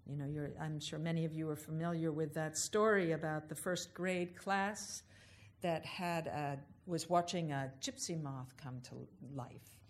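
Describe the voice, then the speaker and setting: A woman giving an unhurried, thoughtful spiritual talk, stretching out the words she wants to stress. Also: low voice, fairly even intonation. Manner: unhurried, thoughtful, drawn-out emphasis on key words. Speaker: speaker giving a reflective address.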